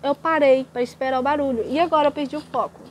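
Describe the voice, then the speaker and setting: A young woman tells her personal testimony in a vlog, hesitant, pausing and restarting her sentences. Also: high voice, steady tone, noisy background. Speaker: vlogger sharing testimony.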